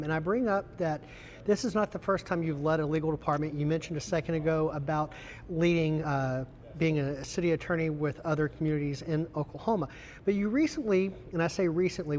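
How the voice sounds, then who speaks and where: A man's voice: on the high side, darkish tone, slight background noise. An American man asking prepared interview questions in a formal, courteous way as the host.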